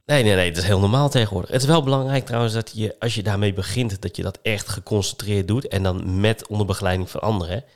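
A Dutchman from the Netherlands explains things in a casual podcast discussion, often tacking on tag words to seek agreement. He speaks fast with a lowish voice and barely pauses.

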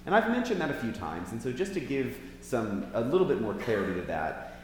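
Very animated and a little fast, a man with a medium-pitched, darkish voice preaches informally to his church Bible class, posing questions to the group. His words bounce around a big hall full of long reverb, with a faint hum in the background.

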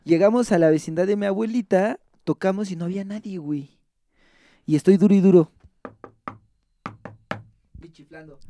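Un hombre joven con acento mexicano cuenta una anécdota en charla casual, animado, lleno de jerga y risas. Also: male voice, high voice, dry recording. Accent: Mexican Spanish. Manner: animated slangy storytelling, laughs often. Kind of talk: casual storytelling chat.

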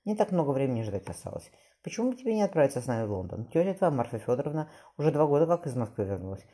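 A man voicing a grieving sea captain in his fifties, talking low and wearily in an audiobook. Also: very animated, very fast, dark tone, close to an everyday voice. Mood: weary, tender. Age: 50s. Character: grieving older male sea captain, gruff but loving.

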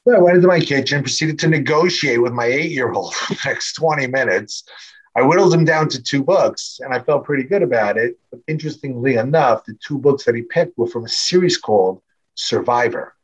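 A man's voice: medium pitch, expressive, brisk, breathy edge. A middle-aged man telling his own story to an audience in a conversational way, with plenty of fillers, restarts and wry humor. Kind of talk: personal storytelling talk. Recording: slightly dull, muffled sound.

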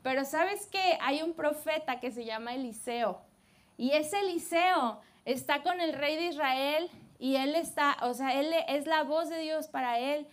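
A woman preacher retelling a Bible story in a lively, animated way, laughing often as she talks to her church. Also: high-pitched. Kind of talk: sermon storytelling.

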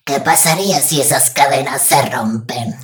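A woman with a Spain Spanish accent playing a fed-up, scheming female AI in a comic radio sketch, with a cold, deadpan, menacing manner. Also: rumbling low, normal speed. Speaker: radio show AI co-host.

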